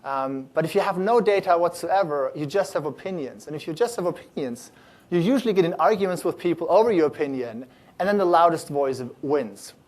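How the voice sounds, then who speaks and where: Animated man giving a conference talk. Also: fairly high pitch, brisk. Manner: many fillers and restarts, animated and upbeat. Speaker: startup accelerator founder giving a talk.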